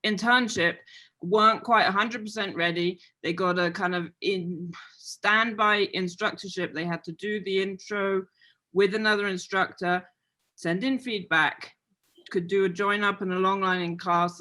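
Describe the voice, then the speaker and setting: A woman's voice: lowish voice, steady tone, normal speed, pushed and bright. A woman on a video call adding context to the discussion in an assured, matter-of-fact way. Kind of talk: meeting contribution.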